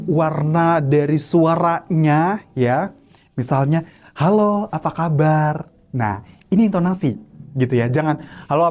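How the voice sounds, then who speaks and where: A male university lecturer from Indonesia teaching public speaking in a classroom, talking in a demonstrative way and ending phrases with "ya". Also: on the high side. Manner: demonstrative, repeats examples loudly, frequent "ya" tags.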